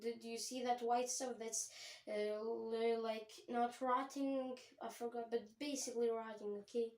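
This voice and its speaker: High-voiced woman in an echoey room. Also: level tone, unhurried. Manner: rambling, self-correcting, chatty. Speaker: home chemistry channel host. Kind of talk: casual lab tour. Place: home chemistry lab.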